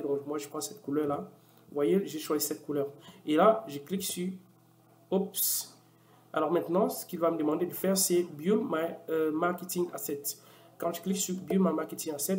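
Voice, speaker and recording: A man walking viewers through a software tool in a casual screen-recorded tutorial, with many fillers and restarts. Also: fairly high pitch. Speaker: software demo presenter.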